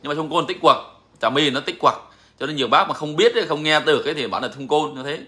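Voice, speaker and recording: Man, fairly high pitch, forceful tone, emphatic, repeats himself, casual live Q&A. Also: quick pace. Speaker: songbird breeder answering viewers.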